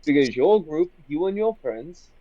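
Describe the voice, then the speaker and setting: A man's voice: on the high side, animated, normal speed, warm tone. Man, group voice chat on a phone, muffled lo-fi sound, stiff formal officer roleplay. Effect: heard through group voice chat on a phone. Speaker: tabletop game player. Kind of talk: in-character roleplay and casual chat. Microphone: phone microphone. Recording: dull lo-fi voice chat audio, dry.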